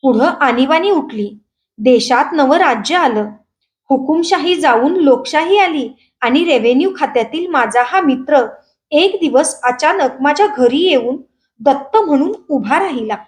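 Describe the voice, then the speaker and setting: A woman reading a short story aloud in a steady, expressive storytelling manner. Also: high voice, a little slow. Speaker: story reader.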